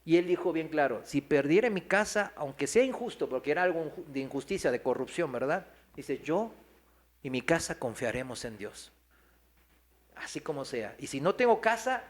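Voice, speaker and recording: A man's voice: fairly high pitch, a bit bright. A man, a pastor giving a sermon testimony, telling a story and acting out the people he quotes while asking the congregation questions. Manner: storytelling, acts out quoted voices, asks the congregation. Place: church hall.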